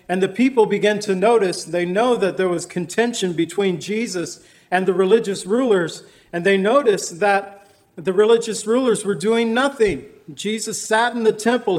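Pastor guy with a high voice, slow careful bible reading. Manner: slow, measured reading of scripture; prays aloud in plain earnest words. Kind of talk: verse-by-verse sermon.

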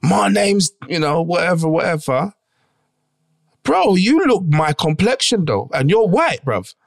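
A man's voice: high voice, big pitch swings, unhurried, gravelly. A man, telling stories emphatically in a casual podcast discussion. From England. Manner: emphatic storytelling, calls people bro. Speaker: podcast guest or co-host.

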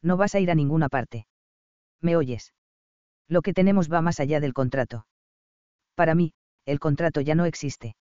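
A man reading the part of a confident, tender and possessive lover, speaking low and intimately. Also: normal speed, pauses often, darkish tone, clean tone, no echo, natural voice. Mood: tierno, firme. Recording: dull, dry audiobook recording.

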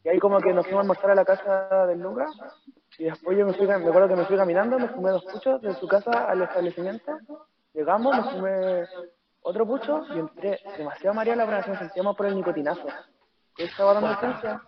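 A man's voice: high voice, quick pace, lo-fi sound, crowd noise. A young man with a Chilean accent rambling through a memory in casual chat, restarting his sentences as he goes. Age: young adult. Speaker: podcast guest.

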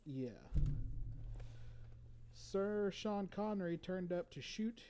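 A man co-hosting a casual podcast, reading movie trivia from his notes in a relaxed way with fillers. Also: high voice, slow, noisy background. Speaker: podcast co-host.

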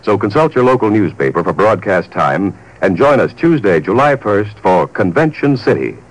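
A man's voice: fairly low pitch, sing-song, moderate pace, rough recording. Polished 1940s radio announcer man. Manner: formal, polished, emphatic.

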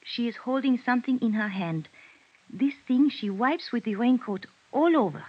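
A woman's voice: fairly high pitch, animated, normal speed, slightly rough, no room sound. An actress with a French accent playing a nervous young woman witness who speaks in careful, broken English, in a 1950s radio drama. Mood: earnest. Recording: muffled old radio broadcast.

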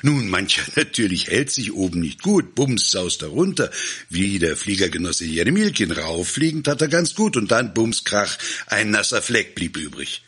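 A man's voice: fairly low pitch, big pitch swings, moderate pace, fairly bright tone, breathy edge, exaggerated voice. A man voicing a boastful, clumsy male village guard who rambles through a speech to farmers. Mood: blustering. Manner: pompous, rambling, flustered.

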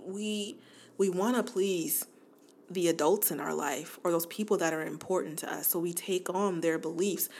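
Casting: woman, 40s, podcast host, warm chatty delivery, slightly low voice, laughs easily. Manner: chatty, laughs often, addresses listeners as y'all. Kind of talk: casual podcast monologue.

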